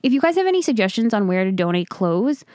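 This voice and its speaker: Chatty young woman, smooth dry voice. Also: mid-range voice, very animated, fast talker, mellow, no room sound. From Long Island, New York. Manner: chatty, rambling, upbeat. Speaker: podcast host. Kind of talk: casual solo podcast chat. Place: home.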